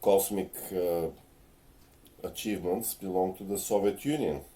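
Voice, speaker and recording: A man's voice: low voice, a little slow, dark tone. Tipsy man ranting earnestly. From Bulgaria. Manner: earnest and lecturing, with hesitant "uh" fillers. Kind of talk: casual on-camera rant. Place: home, in front of a ring light.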